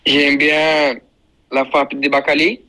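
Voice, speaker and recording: A man's voice: on the high side, flat delivery, slow pace, sharp tone, rough recording. A man who is a guest player on a sports show, answering in short, simple sentences with non-native phrasing. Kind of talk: casual interview answers.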